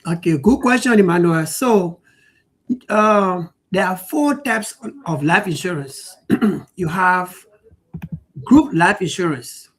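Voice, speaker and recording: A man in his forties answering interview questions in an earnest, measured way. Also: high-pitched, expressive, fairly bright tone. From Liberia. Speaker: guest financial educator.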